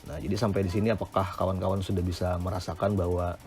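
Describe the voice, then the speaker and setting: Low-voiced male lecturer, hesitant fillers. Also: level tone, quick pace, a little mellow, faint music behind. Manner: explanatory, frequent hesitant "eh" fillers. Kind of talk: academic lecture on public speaking.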